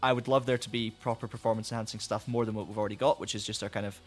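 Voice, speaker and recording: A man's voice: on the low side, steady tone, racing, soft background music. A man chatting casually on a live stream, rambling and restarting sentences as he reads out viewer comments, saying he is losing his voice. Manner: rambling, friendly, many restarts.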